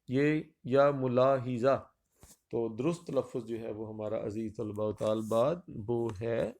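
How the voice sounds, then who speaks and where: A male Urdu teacher giving an exam revision lecture, repeating each answer option slowly and addressing his dear students. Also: medium pitch, a little mellow.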